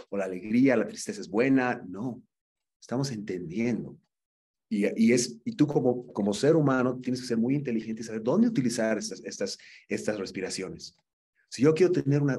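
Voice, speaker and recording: A man's voice: lowish voice, darkish tone, slightly rough. A man teaching an acting class, giving students earnest feedback and often repeating words as he searches for the next one.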